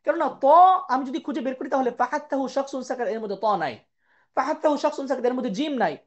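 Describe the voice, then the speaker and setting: A woman teaching an online tajweed lesson who explains patiently, keeps checking in with her students, and chants the Arabic terms slowly in pairs. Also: high-pitched, a little mellow. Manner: explains patiently, checks in with "ঠিক আছে?" and "কেমন?". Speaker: Quran recitation teacher.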